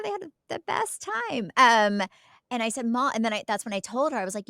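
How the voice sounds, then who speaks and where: On a podcast she co-hosts, a middle-aged American woman from Oklahoma chats casually and emphatically, wandering through family stories. Her mid-range voice is fairly bright, and the recording is dry and studio quality.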